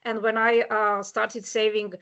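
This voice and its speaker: A woman's voice: fairly high pitch, flat delivery, unhurried, a bit bright, clear, resonant tone, highs cut off. A woman from Serbia giving a webinar talk, earnest and personal, with many hesitations. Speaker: webinar speaker, rights of nature advocate. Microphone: video call.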